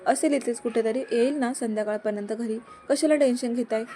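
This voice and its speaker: A woman's voice: on the high side, brisk, mellow, close to an everyday voice. A woman reading the part of an easygoing young man who speaks casually and reassuringly. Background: background music.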